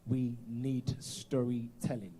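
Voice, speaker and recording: A man co-hosting a conference on stage, telling stories with lively acted-out voices. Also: mid-range voice, takes it slowly, slightly rough, soft background music. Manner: animated storyteller, acts out voices. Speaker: conference co-host. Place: conference stage before an audience.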